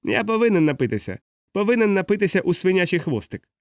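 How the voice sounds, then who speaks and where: A slurring, boisterous old drunk, blind and sorry for himself, as a man puts him on in an audiobook. The voice sits much higher than the reader's natural one. It is heard dry and close. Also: very animated, fast talker, dry recording. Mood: drunken grumbling. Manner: slurred, boisterous, self-pitying. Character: drunk blind stout middle-aged publican man. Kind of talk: audiobook character voice.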